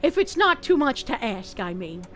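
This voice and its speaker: A woman voicing a middle-aged country husband who is overly courteous and pushy, with a folksy, falsely sweet manner and a lowered voice. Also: very animated, moderate pace, a bit bright, soft background music. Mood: polite, ingratiating.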